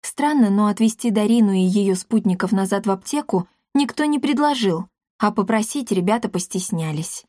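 A woman's voice: mid-range voice, animated, warm tone, no room sound. Woman reading a storybook, dry sound. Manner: measured, storytelling. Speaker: audiobook narrator. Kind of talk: scripted narration.

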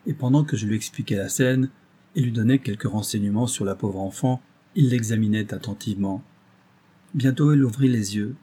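A man reading a story aloud in measured scripted narration. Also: on the low side, mellow, husky.

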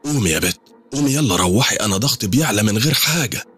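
A man's voice: on the low side, expressive, rapid-fire, a bit bright, slightly rough, pitched above the performer's own voice. A man doing a blunt old village grandmother. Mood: scolding. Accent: Egyptian Arabic.

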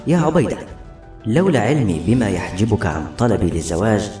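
Man doing young princess, soft raised voice, tender pleading, roomy sound, faint music. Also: fairly low pitch, big pitch swings, fairly quick. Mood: tearful. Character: young grieving princess in love, gentle.

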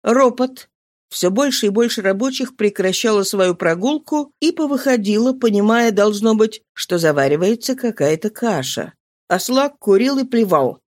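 An audiobook narrator giving a dramatic, expressive literary reading. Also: medium pitch, moderate pace, no echo, studio quality.

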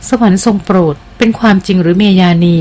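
A woman's voice: mid-range voice, quick pace, darkish tone, lightly acted. A woman reading aloud as a bold young woman who teases and presses for answers in an audiobook. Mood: insistent. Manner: teasing and insistent.

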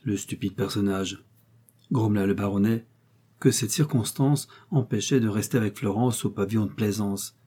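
A man reading a classic novel aloud as an audiobook narrator, in a measured, expressive way. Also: lowish voice, husky.

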